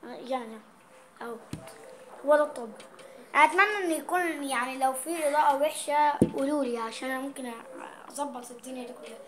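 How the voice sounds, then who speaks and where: A playful Egyptian woman vlogging, her voice sitting high and light. She talks casually, reading out words one by one and explaining each one, with a faint hiss underneath. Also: quick pace. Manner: playful, reading out dialect words and their meanings. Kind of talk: casual vlog chat.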